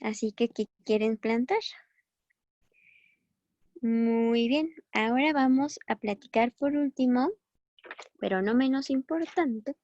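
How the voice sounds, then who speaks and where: A woman gives a recorded lesson, her voice sitting on the higher side. She talks in a chatty, encouraging way and often stops to correct herself. The sound is dry and a little dull. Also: takes it slowly, pauses often, darkish tone, no echo. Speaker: biochemistry teacher. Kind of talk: recorded online class.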